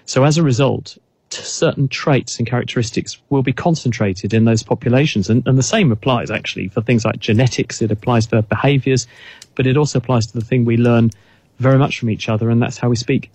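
A guest expert on a casual radio chat show explains his ideas thoughtfully and at a measured pace, often restarting his sentences. His middle-pitched voice is a little mellow and slightly rough, captured close and dry with no room sound at all.

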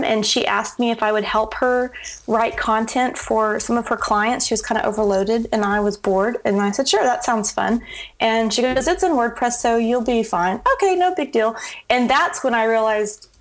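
A woman speaking casually as an interview guest, telling things in an anecdotal, conversational way. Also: on the high side. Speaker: interview guest, web business consultant.

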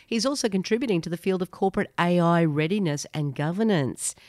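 A woman co-hosts a radio talk show with a lowish voice, trading scripted banter and questions in a bright, teasing way. She is recorded dry and close on a studio mic, with no room sound. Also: expressive, fairly quick, no room sound.

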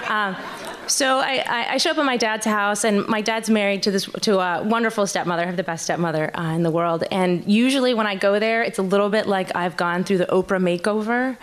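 A woman telling a personal story live on stage, nervous and halting, often restarting her sentences. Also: medium pitch.

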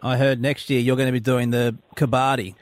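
A man's voice: medium pitch, flat delivery, fairly quick. A man with an Australian accent hosting a casual radio interview in a chatty, matey way from a studio. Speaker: radio host.

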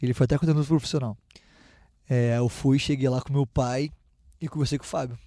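A man's voice: mid-range voice, fairly even intonation, quick pace, dark tone, dry recording, studio quality. A young man, a footballer guest telling a personal story casually, with many restarts.

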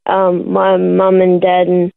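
A man's voice: sits high, monotone, slow pace, vocal fry, clean tone, no echo. A young man giving brief, laid-back answers as a radio caller on a tinny phone line. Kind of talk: casual, brief phone chat.

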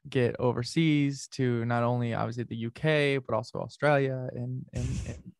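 A young man from North America chats casually about his music as an interview guest, rambling through ideas with many "likes" and restarts. His voice sits at an ordinary middle pitch. The sound is dry and close. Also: fairly even intonation, moderate pace, vocal fry, clear, resonant tone, dry recording.

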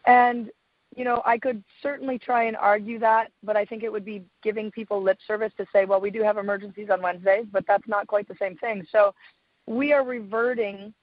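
Female radio guest, raspy with laryngitis, measured and explanatory, dry but slightly dull lo-fi sound. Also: medium pitch, steady tone, dry recording. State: getting over a cold and laryngitis. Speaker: guest expert, veterinary surgeon and clinic owner. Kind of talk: conversational radio interview.

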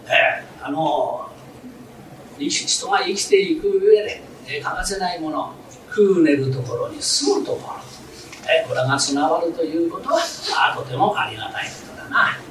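Man doing a calm old elder. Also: a little high, normal speed, distant mic. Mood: calm, fatherly. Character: kindly old male neighborhood elder, calm adviser. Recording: roomy, noisy recital hall from afar.

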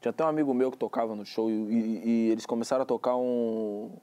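A man in casual chat, telling a story in rapid, slangy talk. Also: medium pitch, steady tone, warm tone.

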